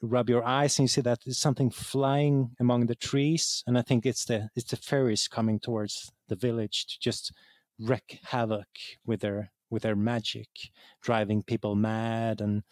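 Appearing as an interview guest, a Swedish-accented game writer talks through his explanations casually, repeating words as he searches for how to put things. His mid-range voice is captured in a dry, studio-quality recording.

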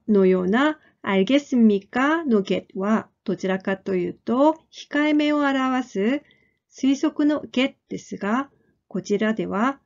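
A woman teaching a language lesson, speaking clearly and deliberately and repeating model phrases. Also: on the high side, a little mellow, muffled recording. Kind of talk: slow, careful lesson explanation.

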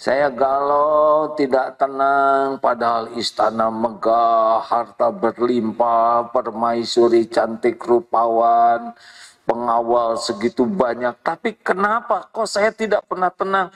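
A man voicing a stressed, restless king who complains he is never at peace, in a slow storytelling sermon. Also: mid-range voice, fairly even intonation, long reverb tail, close to an everyday voice, poor audio. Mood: troubled. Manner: anxious, complaining.

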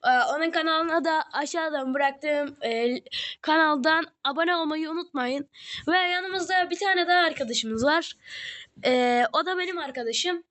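A woman's voice: high voice, moderate pace. A young woman in school giving frustrated gameplay commentary on a phone mic, often repeating herself. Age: young, still in school. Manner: frustrated, complaining, repeating words. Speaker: mobile game streamer. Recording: loud game sounds and screen taps.

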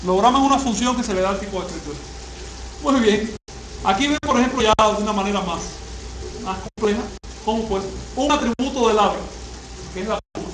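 A man teaching a classroom lecture, often asking the class questions and pausing on fillers. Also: high-pitched. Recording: echoey room, faint hiss.

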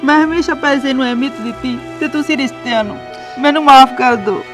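A woman's voice: high voice, quick pace, a bit bright, faint music behind. A woman playing a tearful, pleading young wife. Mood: remorseful. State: crying. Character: tearful young sister-in-law, remorseful.

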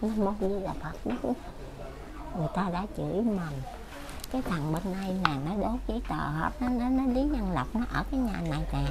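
A woman's voice: medium pitch, lively intonation, fairly quick, noisy background. An older woman with a Southern Vietnamese accent, rambling and repeating herself as she complains about her life. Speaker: elderly widow being interviewed. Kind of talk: casual chat.

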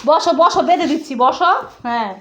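A young woman, gently coaxing and soothing a toddler in a casual family vlog. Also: high voice, lively intonation, fast talker, highs cut off, slight background noise. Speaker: mother and family vlogger.

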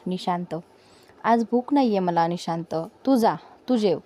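A troubled young man who answers quietly and wearily, read by a woman. His tone is mellow and dark, never rising to much energy, as if everything weighs on him. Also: fairly low pitch, a little slow, lightly acted. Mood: downcast. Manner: subdued, weary.

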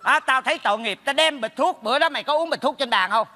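A mocking, teasing neighbor. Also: male voice, very high voice, fast, pushed and bright, in a large hall, heavily acted. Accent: Southern Vietnamese. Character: meddling, teasing male neighbor. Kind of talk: stage comedy sketch.

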